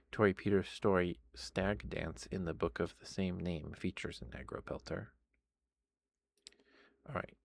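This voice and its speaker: A man speaking softly in a casual ASMR style, reading and chatting, with a tired, worn-out voice. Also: dry recording. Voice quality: low, creaky voice. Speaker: ASMR host reading aloud. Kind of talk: soft-spoken ASMR reading and chat.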